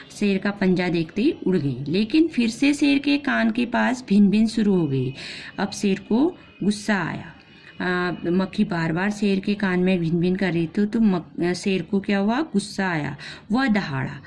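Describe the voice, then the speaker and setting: A woman teacher reads a story aloud to young pupils and explains it line by line, asking the class questions along the way. She slips English classroom phrases into her Hindi and acts out the animals' lines. Her pitch sits in a middle range, with faint noise behind her. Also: animated, measured pace, gravelly, a little mellow. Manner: acts out the lion's roars and the fly's retorts as she reads. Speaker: primary school teacher. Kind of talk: reading and explaining a storybook lesson to children.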